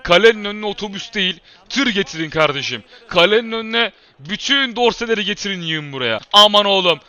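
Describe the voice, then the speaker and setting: Guy playing a football game and losing it at his players, sharp tense voice, really dry close mic. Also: high-pitched, a little fast, no room sound, dull audio. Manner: excitable, shouts at his players, swings to muttering. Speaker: gamer and channel host. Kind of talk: live gameplay commentary.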